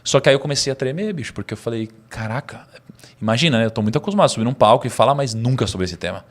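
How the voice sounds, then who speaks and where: A Brazilian man speaks rapidly as a podcast guest recounting a personal story. His delivery is lively and slangy, and he often chuckles as he talks. His voice sits at an ordinary middle pitch for a man. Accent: Brazilian Portuguese. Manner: animated, slangy, laughs mid-story. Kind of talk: storytelling in casual conversation.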